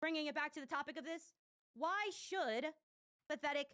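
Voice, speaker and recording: A woman's voice: high-pitched, moderate pace, pushed and bright. A young woman streamer giving rambling, exasperated commentary on clips, swearing a lot. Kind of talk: casual commentary reacting to clips.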